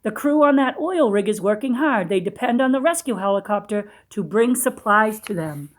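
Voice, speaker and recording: With a mid-range, expressive voice, this woman reads a story to young listeners. She breaks off like a teacher to quiz them and make ideas easy to grasp.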